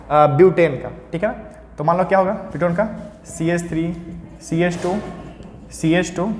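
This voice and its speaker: A high-pitched male teacher runs a chemistry lesson, putting questions to the class and answering them himself. His voice rings through a roomy space with a long reverb tail. A faint hiss sits behind him. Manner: counts atoms aloud while drawing. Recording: roomy echo, faint background noise.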